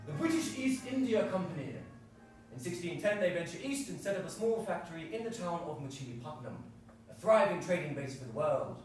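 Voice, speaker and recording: A man performing a live solo comedy show, telling his story in a mock-earnest way. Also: on the high side. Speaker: stand-up performer. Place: theatre stage. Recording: echoey stage, far-off mic.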